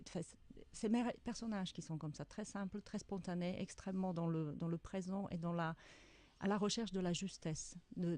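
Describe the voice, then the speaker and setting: Fairly low-pitched and mellow, the voice belongs to a middle-aged Czech woman, an author being interviewed on the radio, who considers her answers and often hesitates in search of words.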